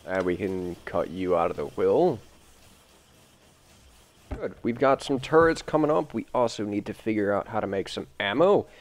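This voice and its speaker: Gameplay host, male, gravelly and groggy, unhurried, lively rise and fall, chats to his machines. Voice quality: deep, gravelly voice. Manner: rambling, talks to the game's machines as he builds. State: groggy from early morning recording. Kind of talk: casual gameplay commentary.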